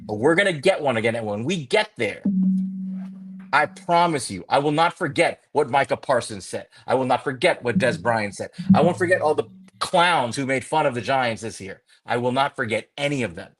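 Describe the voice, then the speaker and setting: A man co-hosting a fan sports podcast, giving an impassioned, profane rant that builds into angry shouting. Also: mid-range voice, lively intonation, normal speed, husky. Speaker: podcast co-host.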